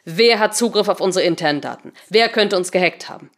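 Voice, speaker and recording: A woman doing a gruff male programmer. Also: lowish voice, fairly quick. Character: grumpy male programmer, husband.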